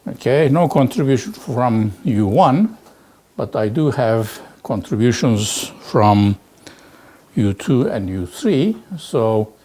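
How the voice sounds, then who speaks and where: A man lecturing on physics, working through exercises aloud in a halting way and peppering his talk with "okay" and "right". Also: medium pitch, big pitch swings, warm tone. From Turkey. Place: lecture hall.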